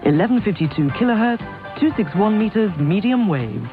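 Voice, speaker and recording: A station announcer giving a brisk promotional ident, heard as if through a tinny clock radio. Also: medium pitch, animated. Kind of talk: station ident over a jingle. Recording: tinny narrow radio broadcast over loud music. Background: loud jingle music with guitar.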